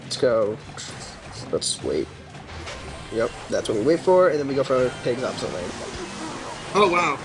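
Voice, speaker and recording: A man's voice: medium pitch, sing-song, unhurried, pauses often. A man casually commenting on his own gameplay during a live stream, laid-back and mumbling asides as he reacts to chat. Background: game music.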